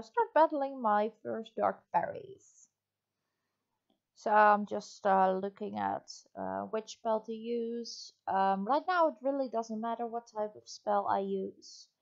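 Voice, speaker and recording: A woman's voice: medium pitch, dull audio. A woman giving casual gameplay commentary, talking through what she is doing. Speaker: gamer commentator. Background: faint game music.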